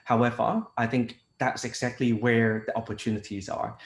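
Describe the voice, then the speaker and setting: Speaking in a reverberant room, this international technical advisor from Hong Kong presents at a conference in a level, medium-pitched voice at a moderate pace. He hesitates often, filling his talk with fillers and restarting sentences.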